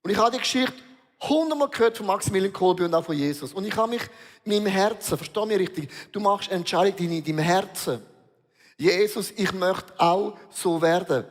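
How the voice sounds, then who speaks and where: Male pastor with a high, emphatic preaching voice, heard with long reverb in a large church hall. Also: lively intonation, fast talker. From Switzerland. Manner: emphatic, storytelling, mixing in English words. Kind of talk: sermon.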